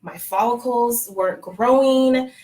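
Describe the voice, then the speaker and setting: Laughing frequently, a Texan woman who works at a fertility clinic shares her own story in a relaxed live-stream chat. She speaks a little slowly in a higher, somewhat dark voice, captured in a low-quality recording.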